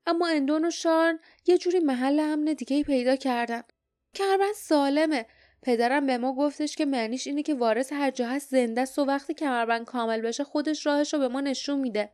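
Brief: earnest young male storybook hero, read by a woman, hopeful, higher voice. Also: a little mellow, no room sound, clean studio sound, close to an everyday voice.

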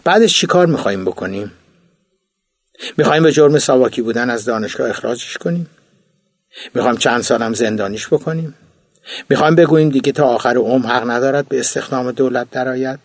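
Gravelly-voiced man narrating his memoir. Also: mid-range voice, no echo. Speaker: author reading his own book. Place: recording studio.

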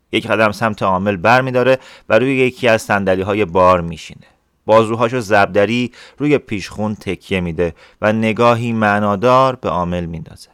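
Low-voiced man reading a story. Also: a bit bright, clean tone, dry recording, studio quality. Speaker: audiobook reader. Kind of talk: scripted storybook narration.

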